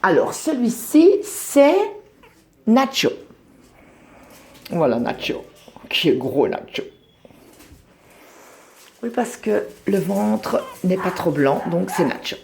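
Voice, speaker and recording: At home near a radiator, a dog breeder holds her phone and films her litter of puppies, casually telling which pup is which and cooing fondly at them. Her voice is medium-pitched, gravelly and darkish, very animated yet slow, with frequent pauses and a little background noise.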